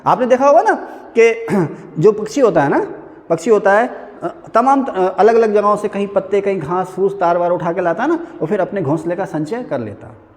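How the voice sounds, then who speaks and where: Male lecturer, high and animated delivery, chatty with students, echoing hall sound. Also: normal speed. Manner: chatty, addresses students as beta, frequent "hai na" asides. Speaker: civil services teacher. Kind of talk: classroom lecture.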